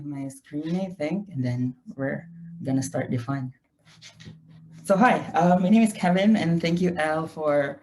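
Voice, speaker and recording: A man's voice: a little high, a little mellow. Young Filipino man speaking casual Taglish. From Philippines. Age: young adult. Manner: mixes Tagalog and English (Taglish). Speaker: guest lecturer, graduate researcher. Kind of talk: informal online lecture. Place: home room, indoors. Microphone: video call.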